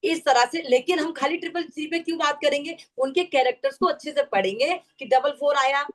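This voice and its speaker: A woman's voice: high-pitched, brisk. A woman teaching a numerology class over a video call, explaining at length and often checking that her students follow. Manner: explanatory, keeps checking understanding with questions. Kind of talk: online class lecture.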